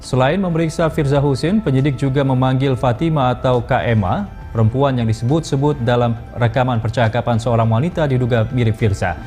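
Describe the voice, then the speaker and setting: A man with a mid-range voice reads scripted news narration. He keeps a measured, formal delivery over faint background music. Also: mid-range voice, a little mellow.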